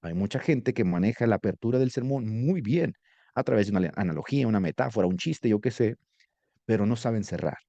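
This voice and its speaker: A man teaching rhetoric to a class, animated and asking students questions. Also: lowish voice, brisk, dry recording, highs cut off. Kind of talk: classroom lecture.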